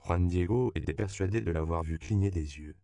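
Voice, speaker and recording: A man narrating an audiobook in a measured, even storytelling voice, recorded close to the mic. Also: deep voice, creaky, clear, resonant tone, no room sound.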